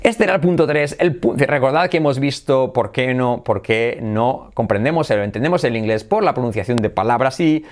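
Lively man teaching English pronunciation. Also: moderate pace, few pauses. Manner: lively, swings into high exaggerated English examples; casual, with fillers and self-corrections. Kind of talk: online language lesson.

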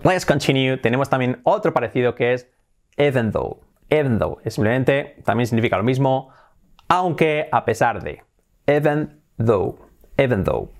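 Spanish man teaching English phrases. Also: mid-range voice. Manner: mixes Spanish explanations with slow, repeated English examples. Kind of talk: casual video lesson.

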